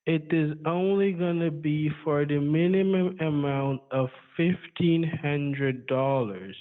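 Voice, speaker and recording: A man with a Jamaican accent, pitching slowly and deliberately over a landline phone. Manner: slow, deliberate salesman pitch. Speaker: scam caller. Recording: tinny phone line.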